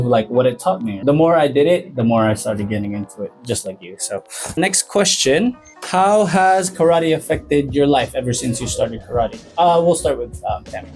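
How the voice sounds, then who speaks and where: A man's voice: medium pitch, darkish tone. A man hosting a casual interview in a chatty, upbeat vlogger manner, with faint background music. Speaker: host.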